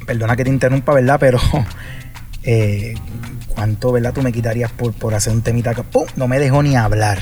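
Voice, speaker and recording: Chatty Puerto Rican salsa singer. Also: male voice, mid-range voice, fairly even intonation, a little fast, a little mellow, faint music behind. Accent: Puerto Rican Spanish. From Puerto Rico. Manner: chatty storyteller, many fillers and restarts. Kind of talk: casual interview chat.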